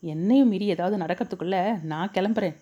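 A man's voice: high voice, a little fast, warm tone, slight background noise, natural voice. A woman voicing a playful young man who teases and coaxes his fiancée, in a storybook reading. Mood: teasing. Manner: teasing, coaxing. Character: playful young male lover, teasing.

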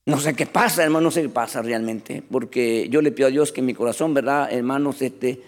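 A man preaching a sermon as pastor, animated and often addressing the congregation as brothers. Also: mid-range voice, a little fast, big-room sound.

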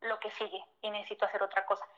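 A woman's voice: medium pitch, little pitch movement, racing, a bit bright, lo-fi sound. A woman with a Mexican accent, a former model, telling a personal story in an emotional, vivid way and acting out old conversations. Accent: Mexican Spanish. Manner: emotional, vivid retelling that acts out past conversations, frequent "o sea" fillers.

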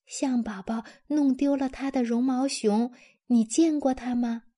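A woman's voice: sits high, fairly even intonation, a little slow, warm tone, voice pushed up. A woman reading a storybook, voicing a kind, helpful young heroine in an earnest, eager way.

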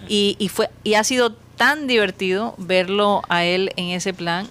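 A woman's voice: medium pitch, steady tone, measured pace, fairly bright tone, a little hiss or hum. Woman in her fifties, casual chat. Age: 50s. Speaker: podcast co-host.

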